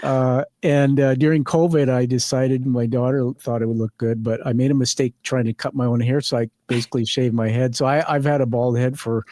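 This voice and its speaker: Man, middle-aged, podcast host, friendly, rambling, medium pitch, dry close mic. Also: steady tone, fairly quick, few pauses, warm tone, dry recording. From Canada. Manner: friendly, rambling, laughs easily. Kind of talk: conversational interview. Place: studio.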